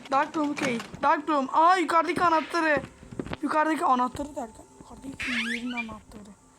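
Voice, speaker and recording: A young woman giving foul-mouthed, yelling commentary while playing a horror game. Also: high-pitched, fairly even intonation, fairly quick, background noise. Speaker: gameplay streamer.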